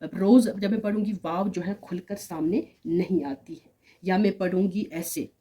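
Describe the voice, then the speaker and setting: Woman, grammar teacher, patient explanations, repeats example words, soft warm tone. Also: fairly low pitch, steady tone, normal speed. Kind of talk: online grammar lesson.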